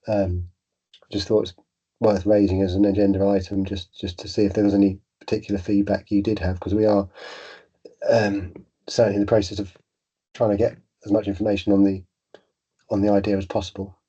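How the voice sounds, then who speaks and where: Male meeting presenter with a heavy cold: muffled, congested and dark-toned, hesitant delivery, flat intonation, lo-fi sound. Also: on the low side, a little fast, breathy edge. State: has a bad cold. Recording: dull, lo-fi meeting audio.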